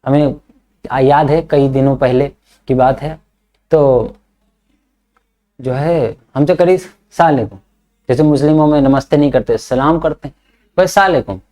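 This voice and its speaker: A male teacher, talking at a medium pitch. He reads English text out slowly, then explains it in easygoing Hindi with fatherly scolding for his pupils. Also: steady tone, dark tone. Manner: scolding, fatherly asides to students.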